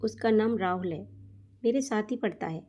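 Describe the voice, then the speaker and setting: A woman voicing a young daughter who is quick to anger and fear, speaking in sharp outbursts in a Hindi storybook. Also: mid-range voice, lo-fi sound, close to an everyday voice. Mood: casual.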